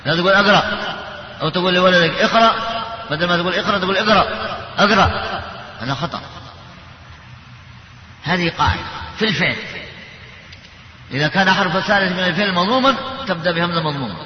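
A high-pitched man gives a tajwid lesson, explaining each rule through examples and slowly chanting verses. The sound is lo-fi and dull. A long reverb trails his words through a large hall. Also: a little hiss or hum. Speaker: tajwid teacher. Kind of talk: Quran recitation lesson.

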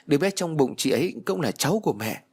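A man's voice: fairly high pitch, very animated, quick pace, darkish tone, slightly rough, voice pushed up, heavily acted. A man voicing an earnest, anxious young pregnant wife who speaks with urgency in an audiobook. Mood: urgent pleading. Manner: urgent, pressing.

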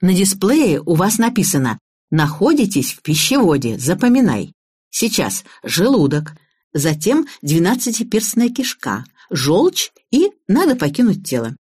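Woman reading as a calm, methodical man. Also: lowish voice, unhurried, slightly rough, no echo, studio quality, exaggerated voice. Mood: reassuring. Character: calm helpful man giving directions.

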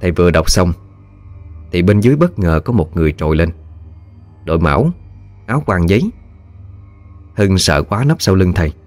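A man narrating a ghost story in a lively, colloquial way. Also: sits low, moderate pace, pauses often, faint music behind.

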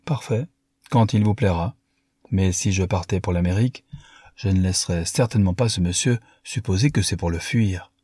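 A proud young French count full of disdain for a vulgar rival, as a male reader puts him on. The voice is low and husky, with a dark, mellow tone. It is recorded dry and close. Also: normal speed, no room sound. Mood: haughty. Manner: haughty, disdainful.

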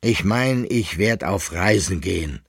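A man's voice: low voice, expressive, a little slow, creaky, breathy edge, no echo, studio quality, pitched above the performer's own voice, exaggerated voice. A man voicing an anxious, gout-ridden older patron who speaks urgently and secretively. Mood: uneasy.

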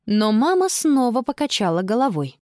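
Expressive woman reading a children's story. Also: fairly high pitch, normal speed, no echo, studio quality. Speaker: narrator. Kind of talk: children's audiobook narration.

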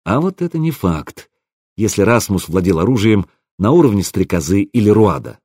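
A man narrating an audiobook in the first person, with an expressive, wry delivery. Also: fairly low pitch, moderate pace, breathy edge, no echo, clean studio sound.

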